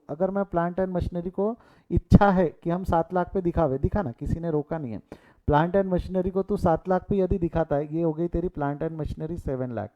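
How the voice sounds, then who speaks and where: A man teaching accounting in a live online class, repeating key figures and urging students to answer in the chat. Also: high-pitched. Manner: mixes English terms, repeats key figures, urges students to reply in chat. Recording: tinny phone-like audio.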